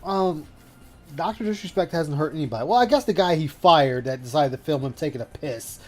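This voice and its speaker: Man, stream host, lively pitch, casual and profane, quick laughs. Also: soft background music. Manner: animated, laughing, swearing. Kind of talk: casual chat.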